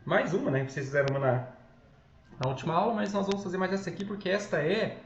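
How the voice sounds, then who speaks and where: A man's voice: sits high, fast talker. A man with a Brazilian accent, a school Portuguese teacher recording a lesson at home, talking patiently, often checking in and correcting himself. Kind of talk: recorded online lesson walkthrough. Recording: echoey, slightly dull home recording with faint noise.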